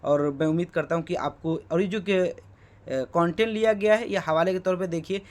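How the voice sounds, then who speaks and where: A man's voice: high voice, normal speed, a little mellow. Man teaching, quizzing himself aloud. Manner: keeps asking rhetorical questions and checking with "okay"; spells words out letter by letter. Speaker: Urdu teacher. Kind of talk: exam-prep lesson explaining Urdu poetry.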